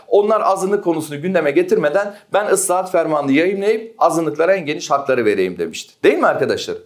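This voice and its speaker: A man teaching an exam-prep history lesson, often asking his students questions and answering them himself. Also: on the high side.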